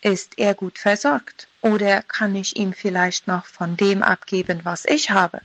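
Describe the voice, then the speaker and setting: A woman's voice: medium pitch, fairly even intonation, measured pace, a bit bright, no room sound, poor audio. Woman, 30s, from Paraguay, devotional radio talk, earnest, reflective, dry sound. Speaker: radio devotional contributor, mother.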